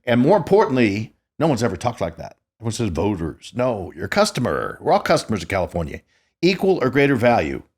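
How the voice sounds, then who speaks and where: A man's voice: fairly low pitch, wildly swooping pitch, fast talker, darkish tone. Boastful man in his sixties. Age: 60s. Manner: boastful, profane storyteller. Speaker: podcast host. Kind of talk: casual podcast chat.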